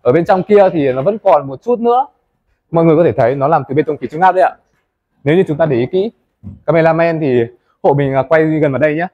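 A young man presenting a tour of a café building site, talking quickly and chattily to viewers, recorded on a lapel mic inside a large wooden building. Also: fairly high pitch, animated, no room sound, muffled recording. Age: young adult. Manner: fast, chatty, addresses viewers as "mọi người". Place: indoors in a large wooden café under construction.

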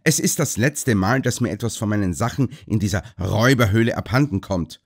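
A man voicing an angry, indignant young gentleman who shouts in a broad country dialect. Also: on the low side, expressive, fairly quick. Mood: furious.

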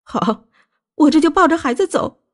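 A woman voicing a hysterical young wife who shouts and accuses in a shrill, tearful voice. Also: very animated, brisk. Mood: agitated.

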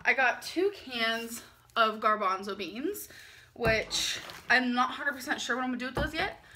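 Her voice on the high side, bright and forceful, a twentysomething vlogger goes through a grocery haul at a moderate pace in her home kitchen. It's late at night, so she's tired and giggly, chatting while she unpacks. There's slight background noise.

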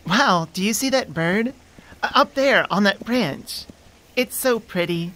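In this intimate ASMR roleplay, a woman plays a young centaur girlfriend who is affectionate, teasing, and easily flustered, sounding fond and playful in a sweet, conversational way. Her mid-range voice is unhurried, a bit bright, with lively intonation; she's close on a studio mic, but the audio is poor, with slight background noise.

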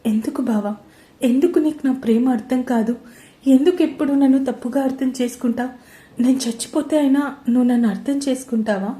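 A woman's voice: sits high, a little fast, dark tone, natural voice. A woman voicing a hurt, sulky young woman who speaks sharply and tearfully, in a roomy-sounding recording. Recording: roomy echo.

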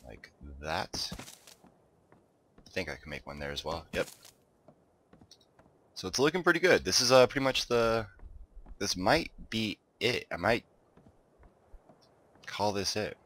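There are long pauses in this gaming host's measured delivery, and his voice sits lowish. He's a little congested, chatting in a relaxed way and talking to himself as he plays and builds in a game.

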